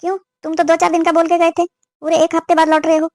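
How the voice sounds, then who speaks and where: A woman's voice: high voice, steady tone, fast, dry recording, natural voice. A woman voicing a suspicious, scolding middle-aged mother-in-law in a cartoon. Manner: scolding, complaining. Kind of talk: cartoon voice acting.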